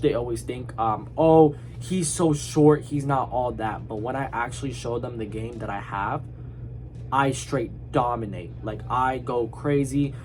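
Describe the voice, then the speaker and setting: A young man from Iraq gives a casual spoken class presentation, talking informally and circling back with fillers and restarts. His voice sits at an ordinary middle pitch for a man. A faint hiss runs quietly under the recording. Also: rough recording. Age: young adult. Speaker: student presenting a project.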